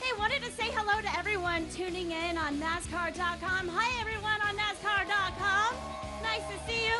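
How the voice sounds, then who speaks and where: A woman with a very high, peppy voice co-hosts a live show at a racetrack. She projects to the crowd outdoors. Loud music runs behind her. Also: normal speed. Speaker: co-host of a live fan stage show. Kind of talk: upbeat live event hosting at a racetrack. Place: outdoor stage beside a racetrack.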